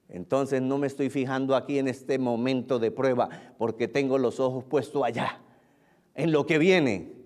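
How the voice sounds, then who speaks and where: A male pastor preaches a sermon, repeating phrases for emphasis and swinging between loud declarations and low, hushed lines.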